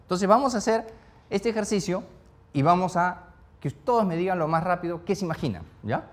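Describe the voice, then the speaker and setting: A man leads a live classroom lesson on speed reading, his voice rising and falling in a lively, animated way. He pitches a touch higher than most men, and he keeps tossing questions to the group with quick tag questions like a checking teacher. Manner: peppers speech with "¿ya?" and "¿no?". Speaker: speed-reading course instructor.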